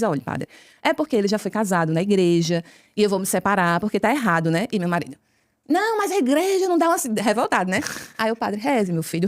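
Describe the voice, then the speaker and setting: Woman, Brazilian Portuguese accent, guest telling her testimony, animated storyteller acting out dialogue, rapid pace, dry close recording. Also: medium pitch, no room sound. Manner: lively storyteller who acts out dialogue. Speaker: podcast guest. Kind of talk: conversion testimony told as a story.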